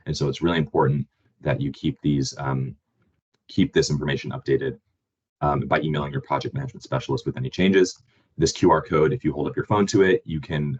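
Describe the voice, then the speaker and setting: A man with a very deep, husky voice hosts an online presentation, hoarse from a cold. He talks in a plain, halting way with many ums. The call audio is dull and lo-fi. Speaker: webinar host and grant manager.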